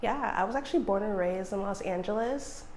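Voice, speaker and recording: A woman's voice: mid-range voice, fairly quick, darkish tone, slight background noise. Earnest woman interpreter speaking steadily. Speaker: sign language interpreter. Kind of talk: spoken interpretation in first person.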